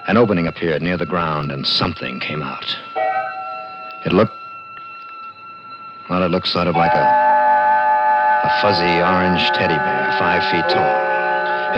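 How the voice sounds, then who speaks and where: In a vintage radio drama, an actor voices an intense, plain-spoken garage mechanic in his thirties, narrating in slangy, urgent, confiding tones. His low voice is exaggerated, and the old recording is muffled with music.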